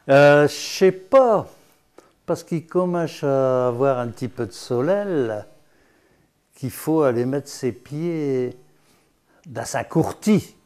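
A man's voice: medium pitch, animated, slow, long pauses, a little mellow, smooth. An older man giving a chatty, teasing dialect lesson full of asides. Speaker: patois teacher.

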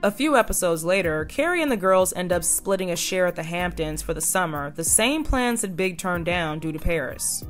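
A woman's voice: on the low side, expressive, normal speed, few pauses, soft background music. A young woman in her twenties narrating a video essay with sardonic, opinionated commentary.

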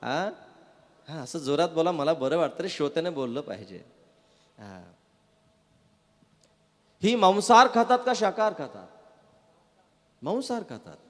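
A man preaching a devotional sermon to a live audience, lively and coaxing listeners to answer back. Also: fairly high pitch, unhurried, long pauses. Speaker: katha preacher. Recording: reverberant hall with faint music.

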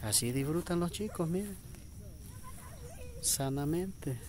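Male vlog host, very slow casual narration, noisy open-air handheld recording. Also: a little high, lively intonation, darkish tone. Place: open grassy hillside, outdoors.

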